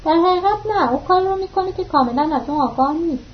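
High-pitched lady reading a novel aloud, kinda dull muffled recording. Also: lively intonation, slight background noise. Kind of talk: audiobook narration.

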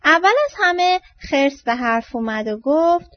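A woman storyteller reading a children's story aloud, expressive and trailing off softly at line ends. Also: high voice. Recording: dull lo-fi dry recording.

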